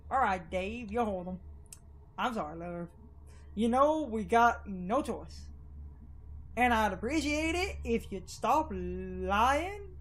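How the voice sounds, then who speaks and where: A woman voicing a gruff middle-aged male small-town cultist in a put-on deep Southern drawl, slow and matter-of-fact. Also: animated. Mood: grim.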